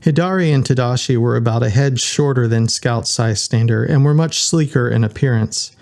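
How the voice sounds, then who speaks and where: A man reading an audiobook in a steady, unhurried narration. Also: medium pitch, creaky. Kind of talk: scripted narration.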